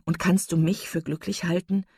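A woman reading an audiobook and voicing a composed young woman who speaks earnestly and gently firm. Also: lowish voice, fairly even intonation, normal speed, slightly rough, no echo, studio quality.

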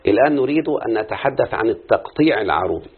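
A man's voice: medium pitch, lively intonation, quick pace, breathy edge. A man with an Egyptian Arabic accent teaching a classroom lesson on prosody, speaking straight to his pupils and drawing out syllables as he explains. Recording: tinny phone-like lo-fi recording.

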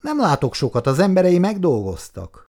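A frightened young army lieutenant snaps back in defiance, read by a man in an audiobook. His voice sits higher and tighter, strained with fear. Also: wildly swooping pitch, a little mellow, full character voice. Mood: defiant scared. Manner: tense, defiant, raised voice.

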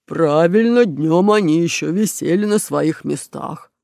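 A woman voicing a cowardly mustached male thief in a children's audiobook, high, shrill and panicky. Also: measured pace, creaky, darkish tone, dry recording, studio quality. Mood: glum.

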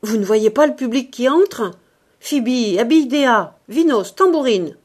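A woman voicing a grumpy, sardonic old male showman in an audiobook, talking loudly and blustering. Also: mid-range voice, animated, a little slow. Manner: loud, blustering, exclamatory. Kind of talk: audiobook reading.

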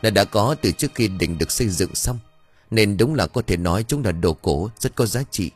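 A man's voice: on the low side, expressive, moderate pace, husky, soft background music. A man voicing a half-mad old village woman who cries out in alarm, in an audiobook. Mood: insistent. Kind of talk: audiobook character voice.

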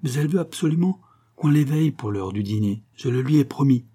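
Gentle young woman read by a man, devoted daughter, raised soft voice, dark mellow tone, husky edge, audiobook. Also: medium pitch, expressive, brisk, pitched above the performer's own voice. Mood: reassuring. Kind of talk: audiobook character reading.

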